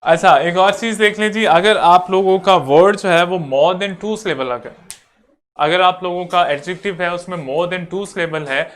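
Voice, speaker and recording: A man teaching an online lecture, going over each rule slowly and repeating it step by step. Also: high voice, a bit bright. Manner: repetitive, explains slowly step by step.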